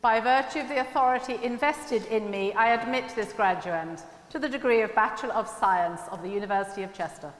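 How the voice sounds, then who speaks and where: A woman's voice: on the high side, fairly quick, few pauses. A woman giving a formal podium speech in set ceremonial wording as a presiding university official. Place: large ceremony hall, amplified. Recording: echoey hall with long reverb.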